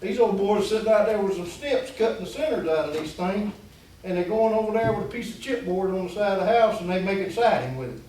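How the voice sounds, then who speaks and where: A man's voice: high voice, expressive, quick pace, a little mellow. A man telling a long folksy story in a rambling way, acting out the voices of the people in it. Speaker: guest storyteller. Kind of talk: casual storytelling. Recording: very echoey room, distant mic, faint hiss.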